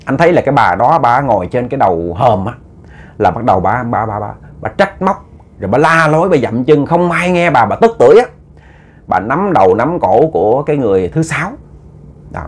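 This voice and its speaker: A man telling a ghost story casually, animated and often stammering through repeated words as he acts out quoted scolding. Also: mid-range voice, slightly rough.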